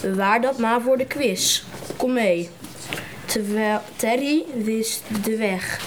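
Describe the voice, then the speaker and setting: A young girl reading a storybook aloud in a soft, steady voice. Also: medium pitch, slight background noise. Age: child. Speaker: podcast co-host.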